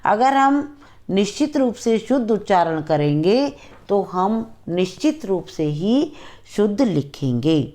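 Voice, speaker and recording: Slow, lively Hindi teacher woman. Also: mid-range voice. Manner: slow, careful pronunciation drills, words repeated. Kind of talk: classroom grammar lesson.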